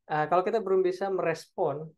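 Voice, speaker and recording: A man's voice: high voice, steady tone, fairly quick, a little mellow, muffled recording. A man giving a parenting webinar and answering audience questions. He talks in a loose, conversational way and keeps checking in with his listeners. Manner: conversational, tags phrases with "ya" and "oke". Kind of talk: online webinar Q&A talk.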